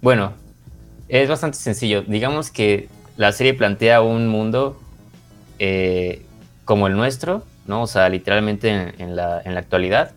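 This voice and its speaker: Over soft background music, a Mexican-accented man co-hosting a podcast reviews a series informally, in an unhurried, lowish voice. As he explains, he tends to restate his points in different words.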